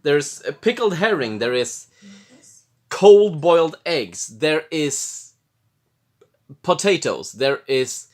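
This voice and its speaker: Man, drunk, very animated pitch, halting then blurting, casual film commentary. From Jämtland, Sweden. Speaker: film reaction host. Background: film soundtrack, faint music.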